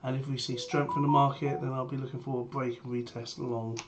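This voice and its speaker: A man's voice: mid-range voice, fast talker, highs cut off, over music. A man with a strained sore-throat voice, under the weather, giving matter-of-fact live market commentary as a trader. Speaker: trader sharing a premarket plan. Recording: steady background noise, keyboard typing.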